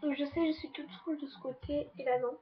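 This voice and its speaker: Teen girl beauty vlogger, high bright voice, chatty and loose, slightly dull home recording with faint hiss. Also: steady tone, brisk. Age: teens. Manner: chatty, repeats "donc voilà" and "trop, trop bien". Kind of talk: casual makeup review. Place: bedroom with a fan running.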